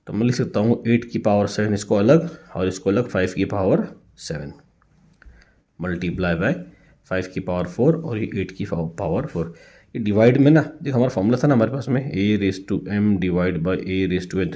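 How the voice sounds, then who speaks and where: A male maths teacher with an Indian accent explains exercise problems one step at a time, pausing to ask the class quick checking questions. His voice sits fairly low and has a dark, mellow tone. He delivers the lesson in a patient, repetitive way, close to the mic. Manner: patient, repeats steps, asks rhetorical checks.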